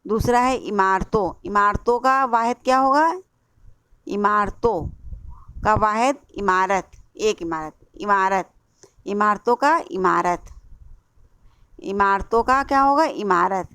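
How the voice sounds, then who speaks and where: Female Urdu teacher, Indian accent, slow and repetitive, spells words out, dry close sound. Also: mid-range voice, a bit bright, clean tone, no room sound. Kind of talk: classroom lesson explaining a workbook.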